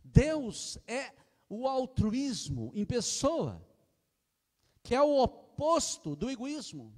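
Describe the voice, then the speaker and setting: A man's voice: very high voice, sing-song, slow pace, a little mellow. An older man with a Brazilian Portuguese accent preaching an impassioned sermon into a handheld mic on a church platform, often calling out to the congregation and retelling anecdotes. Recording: long hall reverb.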